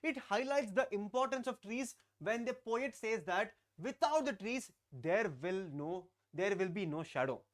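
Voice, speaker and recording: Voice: mid-range voice, expressive, a little slow, few pauses. A teacher, giving a live online class and often repeating phrases while talking to students in the chat. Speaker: English teacher.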